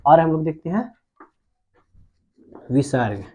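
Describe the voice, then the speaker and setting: A man's voice: fairly high pitch, animated, darkish tone, a little hiss or hum. A young man teaching a Hindi grammar lesson, explaining patiently and often checking whether the students follow. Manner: explains slowly, checks understanding with repeated questions.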